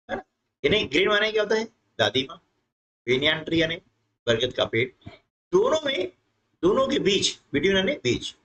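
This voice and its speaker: Male tutor, lively pitch, slow English readings then quick explanations. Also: rough recording. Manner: repeats filler tag questions to students. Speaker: teacher. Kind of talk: explaining an English textbook lesson in Hindi.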